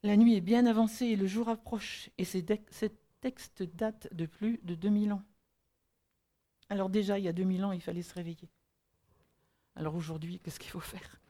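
A woman preaching a sermon and reading Bible verses, earnest, with halting restarts as she thinks aloud and emphatic rhetorical questions. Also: mid-range voice, steady tone, mellow.

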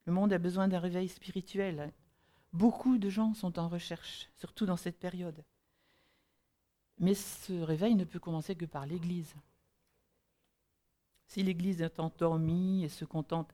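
Low, mellow-voiced woman preaching earnestly. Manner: earnest, builds to emphatic rhetorical questions; halting restarts while thinking aloud. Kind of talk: sermon with Bible readings.

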